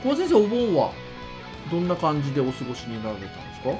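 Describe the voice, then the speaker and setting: A man in his fifties hosts a chatty podcast with extremely courteous, honorific phrasing. His voice sits a bit high and moves around animatedly. Music plays faintly behind him. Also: wildly swooping pitch, fast. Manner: ultra-polite, very formal honorific Japanese. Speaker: podcast co-host. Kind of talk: podcast casual chat in polite speech.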